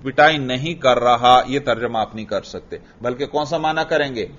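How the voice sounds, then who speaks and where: A man teaching Arabic grammar in to a class, slowly repeating phrases and quizzing his students. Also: medium pitch, fairly bright tone, highs cut off. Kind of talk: classroom lesson.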